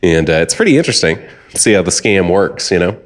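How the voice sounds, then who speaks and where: A man co-hosting a podcast, telling a rambling, animated story in casual chat. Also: low voice, fast talker, slight background noise. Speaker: podcast co-host.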